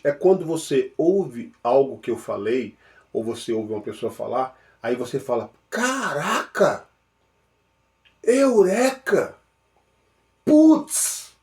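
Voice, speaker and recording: A man with a Mineiro Brazilian accent giving an informal spiritual teaching, playful and animated, shifting between loud exclamations and soft murmured repetitions. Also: mid-range voice, normal speed. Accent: Mineiro Brazilian Portuguese. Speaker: spiritual speaker.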